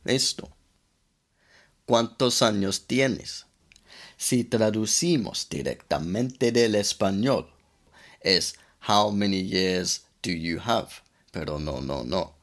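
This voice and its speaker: A man with a very low, deep voice teaches a language lesson at an unhurried pace. He drills example sentences patiently, one after another. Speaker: English teacher. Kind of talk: podcast-style language lesson.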